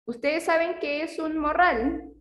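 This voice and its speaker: High woman's voice, kindergarten teacher, slow and patient, echoey room. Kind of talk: online class with young children.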